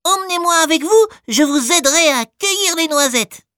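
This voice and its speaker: A squeaky tiny storybook mouse. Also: female voice, expressive, normal speed, fairly bright tone, dry recording, studio quality. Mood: eager. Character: tiny helpful female mouse.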